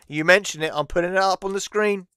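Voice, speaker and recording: A man's voice: high-pitched, bright, forceful tone, smooth, dry recording, studio quality. Chatty, rambling man. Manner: chatty, rambling, laughs often. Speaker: host. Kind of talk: casual chat.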